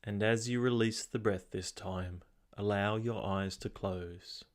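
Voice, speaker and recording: Leading a guided meditation, a man with a fairly low voice gives calm, measured instructions. He leaves long pauses between his phrases.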